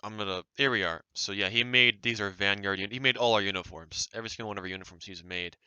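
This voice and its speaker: Man, lowish pitch, very sharp forceful tone, dry close sound, defensive off-the-cuff commentary. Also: fast, clean tone, no echo. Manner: defensive, rambling. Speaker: game developer reacting to a review.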